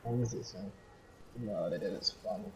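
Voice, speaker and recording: A man's voice: lowish voice, normal speed, a little hiss or hum. A man teammate talking hesitantly over voice chat during a shooter game. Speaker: gaming teammate. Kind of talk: casual voice chat.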